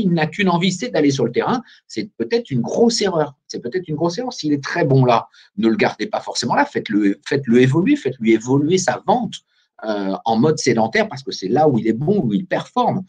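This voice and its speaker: Husky, lively French man presenting a webinar. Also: mid-range voice. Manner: animated, addresses listeners directly with questions. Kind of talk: lively business webinar talk.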